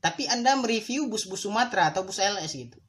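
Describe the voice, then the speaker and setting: Quick-paced and lively, this man's high-pitched voice has a fairly bright tone. As the sole host of a podcast, he walks listeners through his points in a thoughtful, teaching way, addressing them directly and moralizing. Some words are drawn out for emphasis.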